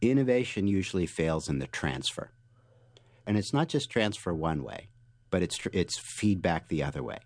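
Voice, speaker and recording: A man with a very deep voice answers interview questions. He tells stories and explains ideas with energy, often restarting his sentences. The sound is dry and close. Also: moderate pace, no room sound. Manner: animated explainer, frequent restarts and fillers. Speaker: author and guest.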